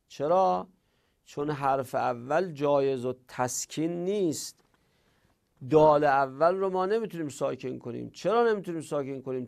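A man's voice: fairly high pitch, vocal fry. A male teacher explaining Arabic grammar rules step by step, posing questions and then answering them himself.

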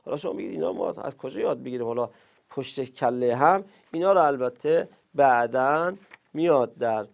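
A male grammar teacher with a gravelly, creaky voice at an ordinary middle pitch. He runs through long lists of verb forms in a falling sing-song. Now and then he stops to explain a point to his class. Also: lively intonation. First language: Persian. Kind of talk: recorded class lesson, rapid verb conjugation drills.

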